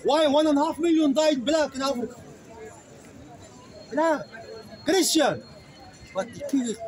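High-voiced fiery man at an outdoor soapbox. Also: poor audio. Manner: fiery, emphatic, calls listeners "brother"; halting non-native English, searches for words. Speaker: street speaker debating a crowd. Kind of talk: open-air soapbox debate. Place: outdoor public speaking area in a city. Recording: outdoor crowd noise. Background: crowd of listeners around him.

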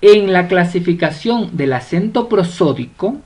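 A lively Ecuadorian woman teacher with a lowish voice gives a slow classroom explanation in Ecuadorian Spanish. She stretches out example words syllable by syllable and checks that students understand.

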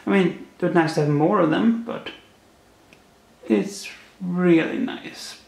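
A man's voice: sits high, unhurried, vocal fry, a little mellow. A man hosting a casual unboxing video, making wry puns about each card, with his voice echoing around a bare, unfurnished apartment room. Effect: echoey sound from a bare, unfurnished room. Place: new apartment, not yet furnished, indoors. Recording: echoey bare room, faint noise.

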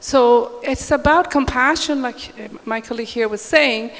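High-voiced woman in a reverberant hall. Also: moderate pace, fairly bright tone. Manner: upbeat, uplifting, emphatic. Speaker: panelist. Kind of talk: panel discussion answer. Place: large conference hall stage. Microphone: handheld mic.

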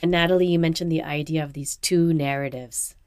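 A woman hosting a podcast interview, gentle and sympathetic with her guests. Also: deep voice, steady tone, a little fast, clean tone, no echo, clean studio sound. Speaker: podcast host.

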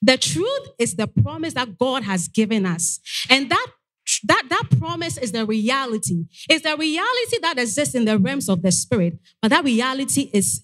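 A young woman preaching an earnest sermon into a handheld mic in a church, often pausing on "Amen". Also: fairly high pitch. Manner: earnest exhortation with frequent "Amen". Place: church sanctuary stage.

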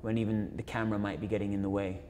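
A man's voice: fairly low pitch, level tone, very fast, warm tone. A young man, a photographer and filmmaker, giving an informal illustrated talk in a university auditorium, reflective and full of fillers and self-corrections. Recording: long reverb of a lecture hall.

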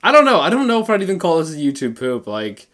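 A man's voice: fairly high pitch, very animated, quick pace. A man, giving casual commentary as a reaction video host. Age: 20s. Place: small room indoors.

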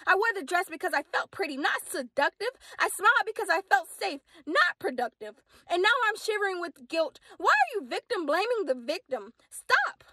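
A woman's voice: extremely high pitch, pushed and bright, no echo. A young woman performing spoken word poetry as a student poet, with an intense, rhythmic delivery. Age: young adult.

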